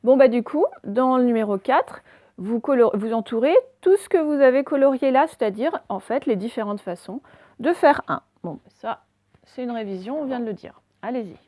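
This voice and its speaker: A woman teacher giving a reading lesson to young children, spelling out letters slowly and checking in often. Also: a little high, warm tone, no room sound, clean studio sound.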